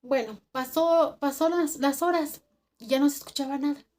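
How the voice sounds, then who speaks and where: A woman with a Mexican accent tells a spooky personal story in a vlog, animated and dropping to a hush at the tense parts. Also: high-pitched, normal speed. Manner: animated storytelling, drops to a hushed voice for tense moments. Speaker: vlogger.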